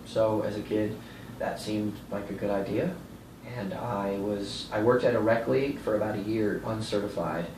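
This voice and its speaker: A man's voice: lowish voice, fairly even intonation, moderate pace. A young man from Florida answering interview questions in a matter-of-fact way. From Florida, USA. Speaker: interviewee, soccer referee. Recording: roomy, distant mic with background noise.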